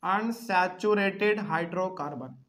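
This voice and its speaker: A man's voice: high-pitched, measured pace, a bit bright. Hindi-speaking man teaching chemistry. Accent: Bihari Hindi. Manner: explains step by step, asks the class questions. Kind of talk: whiteboard chemistry lesson.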